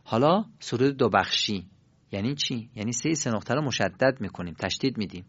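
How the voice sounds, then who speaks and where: A man's voice: medium pitch, lively intonation, fairly bright tone, no room sound. Man drilling pronunciation in a dull recording. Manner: careful, drawn-out syllables for learners to repeat. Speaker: pronunciation teacher. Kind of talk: pronunciation lesson with call-and-response drills.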